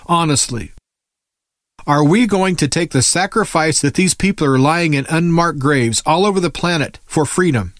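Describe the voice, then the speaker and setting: Male commentator, slightly high-pitched, for an alarmed conspiracy-minded rant; emphatic, indignant, dry recording. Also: no room sound. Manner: emphatic, preachy, rhetorical questions. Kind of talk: impassioned political rant, monologue.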